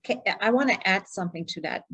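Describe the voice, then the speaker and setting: A woman's voice: mid-range voice, fast, bright, forceful tone, husky, no room sound. A woman hosting a podcast, who talks in a thoughtful, casual way and sets her points out in order. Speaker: podcast host.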